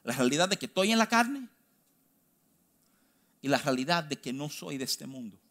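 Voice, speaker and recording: A man with a Dominican accent preaching a sermon, stressing key phrases slowly and then rushing through quick asides. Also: on the high side, sing-song, a bit bright. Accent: Dominican Spanish. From Dominican Republic. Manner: emphatic, swinging between slow stressed phrases and quick asides.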